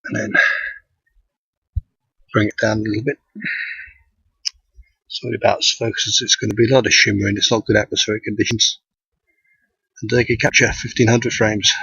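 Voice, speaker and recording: A man, an amateur astronomer, gives a live how-to commentary outdoors, thinking aloud as he works, his voice thin and tinny with no bass. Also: sharp tone, slightly rough, no echo. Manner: thinking aloud while working. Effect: thin tinny sound with no bass. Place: outdoors at night. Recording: dull lo-fi outdoor recording.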